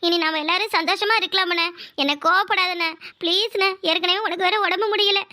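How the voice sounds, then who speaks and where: A squeaky pleading cartoon little sister. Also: female voice, sharp tone. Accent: Kanyakumari Tamil. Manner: pleading, coaxing, defensive. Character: pleading loyal younger sister, young woman. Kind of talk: cartoon voice acting.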